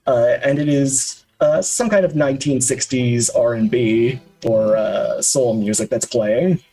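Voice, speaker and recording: A man's voice: mid-range voice, unhurried, mellow, rough recording. A man narrating scenes as a tabletop game master, descriptive and full of hesitant uhs. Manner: descriptive, with frequent uhs and restarts.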